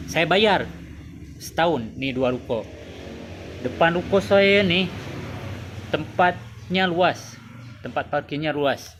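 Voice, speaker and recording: A man's voice: on the high side, slow, pauses often, fairly bright tone, slight background noise. A man casually telling a long story about running his shop, rambling and repeating his phrases.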